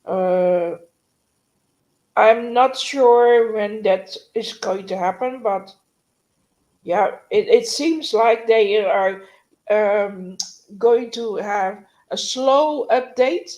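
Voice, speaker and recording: A woman co-hosting a casual live-stream chat, speaking hesitantly with many pauses over a video call. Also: mid-range voice, a little mellow, highs cut off. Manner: hesitant, many fillers and restarts.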